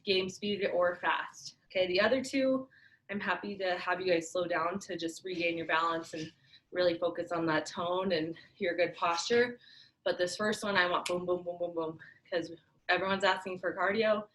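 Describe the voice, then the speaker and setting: A woman's voice: on the low side, steady tone, moderate pace, fairly bright tone. A woman leading a workout as an aerobics instructor, calling counts, breathing and posture cues in short, encouraging commands. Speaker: fitness class instructor. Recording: roomy echo, far from mic, faint noise.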